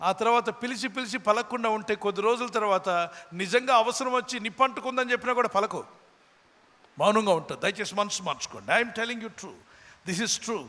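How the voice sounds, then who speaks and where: A man's voice: high-pitched, moderate pace, pushed and bright. A man preaching a sermon earnestly, with homely examples, who builds into fervent prayer. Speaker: pastor. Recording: long hall reverb with faint music.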